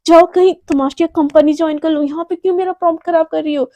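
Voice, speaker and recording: A woman voicing a sharp-tongued young college woman in a told story, scornful and cutting. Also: very high-pitched, steady tone, quick pace, dry recording.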